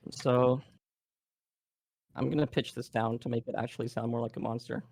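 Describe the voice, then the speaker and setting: A Canadian man talks through a live workshop demo in a relaxed, thinking-aloud way, full of fillers. His voice is gravelly and his pitch stays flat. The sound is dry and close, like a video call mic. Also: normal speed, no room sound. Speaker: game audio presenter.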